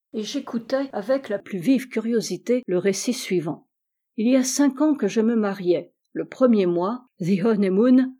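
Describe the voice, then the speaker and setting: A woman narrating a classic short story as an audiobook, in a measured, clear storytelling manner. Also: medium pitch, dark tone. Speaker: audiobook reader.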